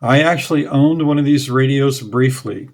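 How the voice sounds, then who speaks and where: A man in his forties, host of a radio hobby channel, talks to the camera in a relaxed way, using a clip-on lapel mic in a small room in front of curtains. He has a mid-range, slightly mellow voice at normal speed. His talk is plain-spoken and nostalgic, with a few fillers.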